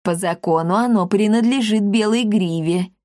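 A woman voicing a calm, sly male gendarme who speaks softly and coaxingly. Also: mid-range voice, dry recording, studio quality, close to an everyday voice. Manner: slow, soft and coaxing.

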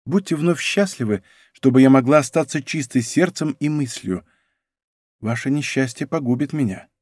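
A man reading as a soft-spoken young marquise. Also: medium pitch, lively intonation, normal speed, dry recording, close to an everyday voice. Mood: tender. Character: young noble marquise, tender and devoted.

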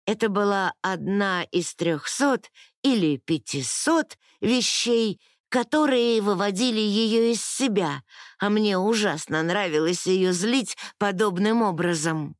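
A woman narrating a novel in first person with measured, even storytelling. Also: mid-range voice, dry recording, studio quality. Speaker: audiobook narrator.

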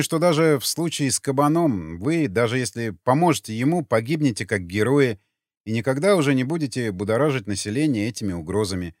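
Male audiobook narrator, dramatic, lively pitch, dry close studio sound. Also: dry recording. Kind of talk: scripted narration.

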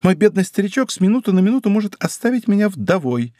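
A man's voice: very animated, fast talker, dark tone, no echo, studio quality. A man voicing a miserly, lovestruck middle-aged prosecutor's wife who pleads and scolds. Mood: eager. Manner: pleading, shrill, emotional.

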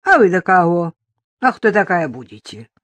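A woman's voice: fairly low pitch, sing-song, moderate pace, dry recording. A woman voicing a terse, wary old village woman who speaks in a rural Belarusian-tinged dialect, for an audiobook. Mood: gruff, wary.

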